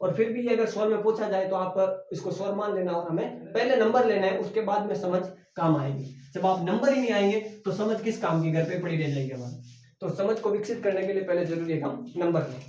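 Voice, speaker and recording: High-voiced male teacher in an echoey room. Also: brisk, a little mellow. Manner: repeats key words as questions to the class. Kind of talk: classroom lecture for exam preparation. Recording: echoey room, voice from a distance, dull sound.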